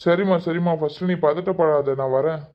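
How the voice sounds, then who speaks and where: A calm husband in a cartoon who reassures his wife, as a woman plays him. The voice sits fairly low and stays patient and soothing. The recording is dull and lo-fi. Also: a little fast, lightly acted. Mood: reassuring. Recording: dull lo-fi audio.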